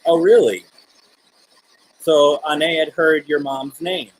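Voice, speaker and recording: A man hosting a live spirit-communication session, speaking in gentle, coaxing questions with pauses between them. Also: on the high side, fairly even intonation, low-quality recording. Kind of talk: live-streamed seance, addressing spirits and viewers.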